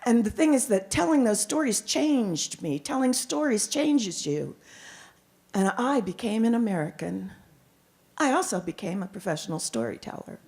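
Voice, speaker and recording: Woman, middle-aged, live storyteller. Medium pitch, theatrical delivery, measured repetition for emphasis. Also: animated, a little mellow. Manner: dramatic, deliberate phrasing with repetition. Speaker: professional storyteller. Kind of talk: live storytelling performance to an audience.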